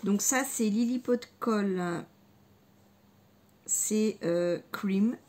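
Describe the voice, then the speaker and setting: A scrapbooking vlogger chats casually in a haul video, her medium-pitched voice unhurried and a little mellow. She hesitates a lot, with many fillers and repeated words, but is clearly enthusiastic about her crafting materials.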